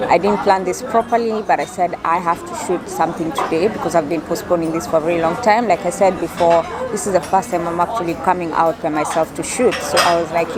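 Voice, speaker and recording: A woman chatting casually and ramblingly as a solo food review vlogger, telling things like stories to a friend. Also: fairly low pitch. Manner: chatty, rambling storytelling with frequent 'like' and 'you know'. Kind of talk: casual vlog chat. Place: busy cafe in a shopping center. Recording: busy public crowd chatter behind voice.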